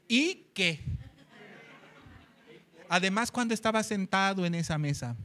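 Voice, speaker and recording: A man with a Mexican Spanish accent preaching a sermon, acting out dialogue with lively voices and sometimes singing a hymn. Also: high voice. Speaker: pastor. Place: church meeting hall.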